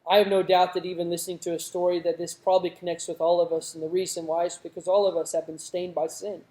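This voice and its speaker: Mellow-voiced youth preacher. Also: medium pitch, little pitch movement, fast. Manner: conversational preaching, rising to emphatic. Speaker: youth pastor. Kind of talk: sermon. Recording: roomy echoing hall.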